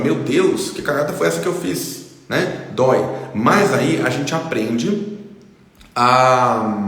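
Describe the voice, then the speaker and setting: Brazilian guy, a psychologist doing a casual live, keeps asking "tá?", voice bouncing around a very echoey room with a long tail. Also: medium pitch. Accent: Brazilian Portuguese. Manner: informal, repeats points, frequent "tá?" checks. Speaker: psychologist hosting a live stream. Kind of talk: casual live-stream talk to viewers.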